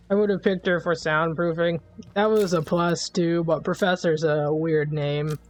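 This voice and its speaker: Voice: mid-range voice, fairly even intonation, measured pace. Easygoing streamer laughing through gameplay. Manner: easygoing, laughs often, jokey asides. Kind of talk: casual gameplay commentary.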